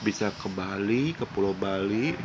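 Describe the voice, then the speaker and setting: A man's voice: fairly low pitch, normal speed. A man in his forties from Indonesia, a self-styled psychic, pleading in a repetitive, earnest casual monologue. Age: 40s. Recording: dull lo-fi recording with faint background noise.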